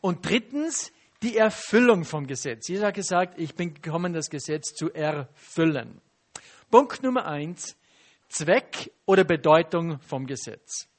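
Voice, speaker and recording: A man preaching a teaching sermon, lively and asking the listeners questions. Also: on the high side, measured pace. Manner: lively, asks the audience questions and acts out quotes.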